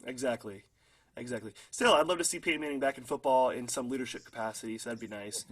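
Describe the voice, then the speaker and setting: A young man co-hosts a casual football podcast, talking quickly in a mid-range, slightly bright voice. He's chatty, hedges with fillers, and often laughs at his own hot takes.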